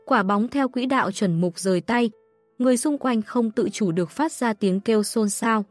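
A woman narrating an audiobook in a steady, even reading voice. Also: on the high side, normal speed, no echo, faint music behind. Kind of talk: scripted narration.

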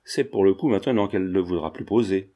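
A man's voice: sits low, fast talker, dark tone, voice pushed down, natural voice. A man voicing a brash, joking male painter who talks in teasing, slangy banter. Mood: gleeful.

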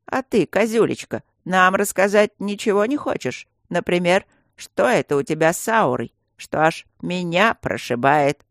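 A reader voicing a gruff, bossy male stone guardian who grumbles and barks, in a storybook reading. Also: medium pitch, expressive, measured pace, hardly any pauses, no room sound, studio quality. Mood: coaxing. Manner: gruff, barking and coaxing by turns. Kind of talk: audiobook character voice.

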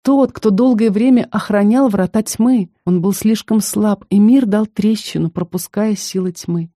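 Female audiobook narrator, measured first-person fantasy reading, warm mellow voice, dry studio sound. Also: mid-range voice, dry recording.

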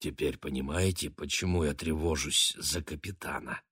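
A man voicing a confident merchant in an audiobook, speaking smoothly and with authority. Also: fairly low pitch, expressive, a little slow, pushed and bright, dry recording, studio quality. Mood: hushed.

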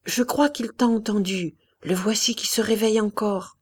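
A woman voicing a stern older bourgeois mother who speaks in a hushed, grave way. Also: mid-range voice, moderate pace, husky, pitched above the performer's own voice, natural voice.

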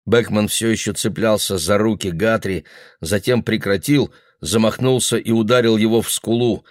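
Low-voiced man reading a novel. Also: fairly even intonation, moderate pace, no room sound, clean studio sound. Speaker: audiobook reader. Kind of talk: literary narration.

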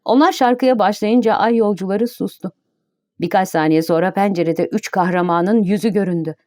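A woman narrating an audiobook in a steady, even reading voice. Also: medium pitch, moderate pace, no echo, studio quality.

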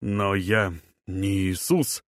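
Audiobook: reader as a calm Neanderthal man, low-key and quiet, dry booth. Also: no room sound. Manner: quiet, measured, subdued.

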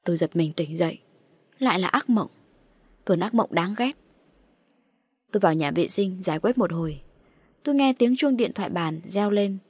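Breathy woman narrating a horror story. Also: lowish voice, expressive, normal speed, long pauses, a little mellow, dry recording, studio quality.

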